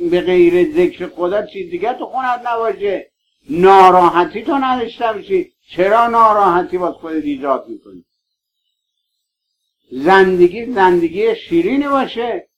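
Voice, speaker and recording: A man preaching a mourning sermon, pleading with his listeners and calling them by affectionate names. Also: high voice. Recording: dull lo-fi recording.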